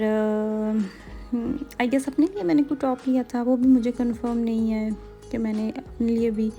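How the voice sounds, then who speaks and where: A chatty woman in her thirties with a Pakistani Urdu accent talks over her vlog footage, rambling along with frequent hesitations. Her voice sits a little high but sounds mellow and dark. Soft music plays faintly underneath. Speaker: vlogger. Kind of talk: casual vlog voice-over narration.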